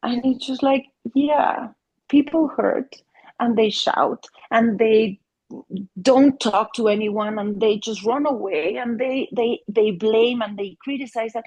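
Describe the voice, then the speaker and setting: On a muffled recording, a slightly high, husky, somewhat mellow voice takes its time. It belongs to a middle-aged Mexican woman, a native Spanish speaker with a Mexican accent, who is being interviewed about her family therapy work. She speaks earnestly, with frequent restarts and fillers.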